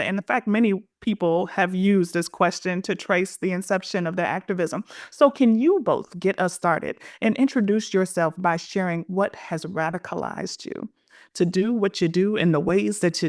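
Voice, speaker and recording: A woman's voice: on the low side, no echo. Dry-voiced woman podcast host. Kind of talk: scripted introduction then interview questions.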